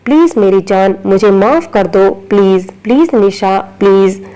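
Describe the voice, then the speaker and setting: A woman voicing a tender young husband who talks softly and coaxingly as he apologizes. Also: mid-range voice, measured pace, smooth, lightly acted, rough recording. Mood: pleading.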